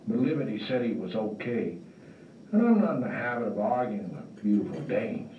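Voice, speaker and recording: Actor as weary noir gumshoe narrator, slow wry drawl, roomy distant lo-fi sound with faint music. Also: male voice, lowish voice, very animated, slight background noise. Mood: world-weary. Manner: drawling, slow, wry tough-guy delivery. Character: world-weary hardboiled male detective narrator. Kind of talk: film-noir voice-over narration.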